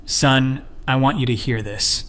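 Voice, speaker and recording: A man's voice: medium pitch, steady tone, measured pace, a bit bright, natural voice. A man reading a firm, reassuring elder. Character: firm, older grandfather figure.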